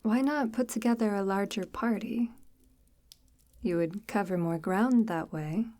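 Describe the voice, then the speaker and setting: Using her natural, mid-range voice, a woman plays a sinister forest witch coaxing a lost traveler in a slow, intimate ASMR roleplay. She sounds mellow, breathy and near-whispered, very unhurried and formal, with archaic touches and a soft menace. Her mood comes across as sly and probing.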